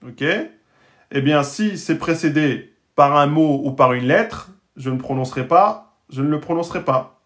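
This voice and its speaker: A man's voice: fairly high pitch, a bit bright. A man teaching the Arabic alphabet and Quran reading rules, patiently sounding out words and checking in with his learners. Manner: patient, checks in often with "d'accord?" and "hein?"; sounds out Arabic words slowly and repeats them. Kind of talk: explanatory lesson to French-speaking learners.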